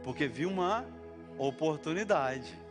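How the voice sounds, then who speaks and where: A male pastor with a Brazilian Portuguese accent delivers a sermon in a chatty, storytelling way, acting out short exchanges. His voice sits a touch higher than most men's. Soft worship music plays beneath him in the church. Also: animated, a little slow. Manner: conversational preaching, acting out little dialogues. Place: church service.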